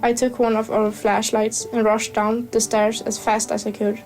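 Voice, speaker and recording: Woman reading a horror tale, high and flat. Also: moderate pace, faint music behind, low-quality recording. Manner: reads carefully, with small stumbles and restarts. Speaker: storyteller. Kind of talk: first-person scripted horror narration.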